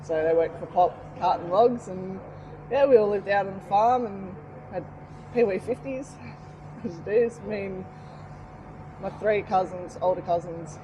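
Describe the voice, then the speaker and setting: An Australian woman in her forties talks in a laid-back, slangy way, laughing easily between stories. She sits outdoors, and loud traffic and engine noise run behind her voice throughout. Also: mid-range voice, unhurried, long pauses, muffled recording. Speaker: podcast guest, motorcycle rider. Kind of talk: casual chat.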